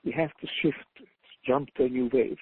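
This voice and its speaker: On a panel, an older author from Hungary phones in from his home abroad and talks reflectively in accented English, earnest and halting, repeating words as his thoughts take shape. The line sounds tinny and dry, his voice husky, medium in pitch and steady, with no echo.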